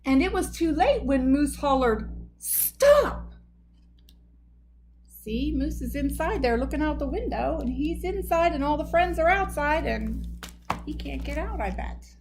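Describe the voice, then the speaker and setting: A woman reading a picture book aloud to children at bedtime, pausing to explain the story gently. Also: high voice, animated, slight background noise.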